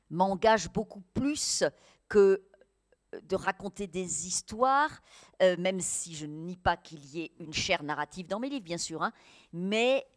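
A woman writer as a guest on a radio interview, talking hesitantly with many fillers, then pressing her points with emphasis. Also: lowish voice.

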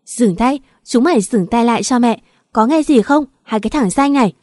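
A woman's voice: fairly high pitch, expressive, brisk, warm tone, no echo. Woman doing worried older mom voice, scolding then soothing, dry sound. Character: anxious older mother, scolding but caring.

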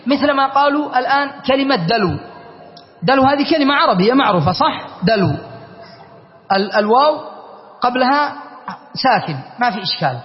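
High-voiced man teaching grammar in a hall. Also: expressive, a little fast, long pauses. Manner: questioning students, spelling out word forms. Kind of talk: classroom grammar lesson. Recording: dull long-reverb lecture hall recording.

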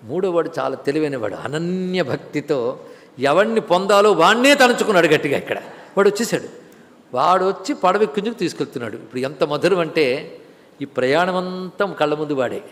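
High-voiced man giving a devotional discourse. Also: brisk. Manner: recites verses in a chanting cadence, then explains them; storytelling with lively rises and drops. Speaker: spiritual lecturer. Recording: long hall reverb.

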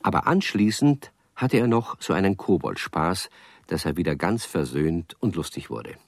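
A man's voice: deep voice, lively intonation, moderate pace, no room sound, clean studio sound. A man narrating a radio play for children in a playful storytelling manner.

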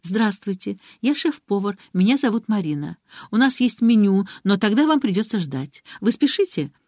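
A woman voicing a talkative young chef in an audiobook, cheerful and kind, speaking lively and eager. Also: mid-range voice, moderate pace, no room sound, studio quality, voice pushed up. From from Rostov.

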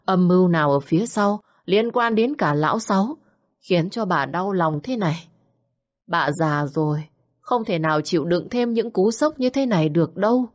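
A woman storyteller reading a dramatic story in a measured, scripted narration. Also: lowish voice, dull audio.

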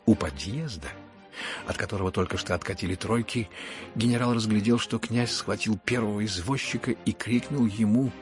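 A man narrating a classic novel as an audiobook in a measured, dramatic storytelling manner. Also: fairly low pitch, faint music behind.

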